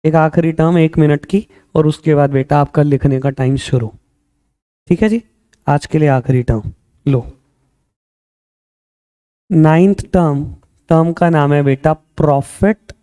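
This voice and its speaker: Lively Hindi-speaking accounting teacher, man. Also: a little high, smooth. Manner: calls students "beta", quizzes them with quick questions; mixes Hindi with English terms, slow stressed definitions. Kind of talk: classroom lecture.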